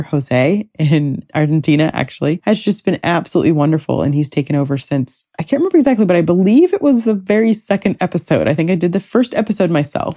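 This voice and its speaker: A woman's voice: low voice, dark tone. A woman in her thirties hosting a podcast solo, talking reflectively in an informal, rambling and effusive way. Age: 30s. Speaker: podcast host.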